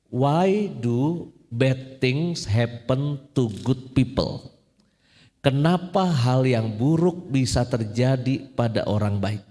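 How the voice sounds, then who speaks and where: A man's voice: mid-range voice, lively intonation, slow pace, dark tone. A man preaching a casual, joking sermon as a priest, slipping in English phrases. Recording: long hall reverb.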